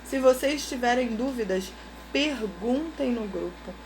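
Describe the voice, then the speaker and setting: A high-voiced woman teacher, talking slowly and patiently through a recorded lesson for her pupils. She explains step by step and keeps checking in with "ok?", with a faint hum of room noise behind her. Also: lively intonation, a little mellow. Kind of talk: recorded remote lesson for schoolchildren.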